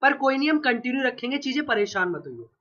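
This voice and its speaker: Fast and sing-song, this male teacher's very high voice has a fairly bright tone as he runs an exam-prep geography lesson. A cold has left his throat sore, so he coughs occasionally while quizzing students and repeating each answer. The recording is lo-fi and dull.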